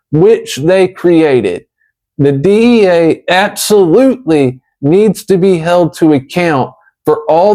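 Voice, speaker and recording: A man speaks slowly in a somewhat high voice with a slight retainer-like lisp. He sounds earnest and emphatic, like an advocate making a case in deliberate phrases. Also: mellow, poor audio. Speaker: chronic pain patient advocate.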